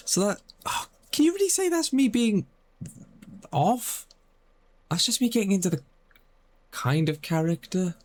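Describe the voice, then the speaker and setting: A man's voice: high voice, lively intonation, takes it slowly, pauses often. A man streaming a driving game, thinking aloud in rambling, self-conscious commentary. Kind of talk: casual gameplay commentary.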